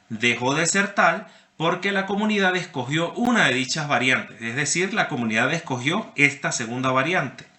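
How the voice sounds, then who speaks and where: Bright-voiced man lecturing in a roomy echo. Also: fairly high pitch. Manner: explanatory, checks understanding with frequent "¿sí?"; addresses students by name. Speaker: university lecturer. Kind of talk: online class lecture.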